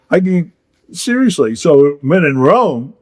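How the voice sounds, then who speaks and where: A man's voice: a little high, very animated, drawn-out words, darkish tone, no room sound. Man telling rambling stories, laughing often. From Pacific Palisades, California. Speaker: podcast host. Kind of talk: casual chat.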